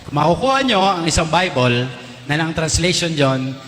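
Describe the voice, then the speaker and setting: Filipino priest giving a sermon, kinda high voice, jokey with the crowd, big echoey church sound, faint hum behind. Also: male voice, big pitch swings, moderate pace, fairly bright tone. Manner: playful, teasing questions to the crowd, code-switching with English. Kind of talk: teaching sermon to a live audience. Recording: roomy hall reverb, faint ambience.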